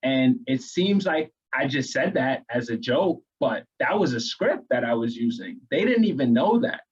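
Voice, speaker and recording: A man from New York explains sales tips in a steady, earnest coaching manner. His voice is husky and mid-pitched, and the lo-fi recording takes the edge off it. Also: normal speed. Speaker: real estate agent co-host. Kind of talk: casual training chat.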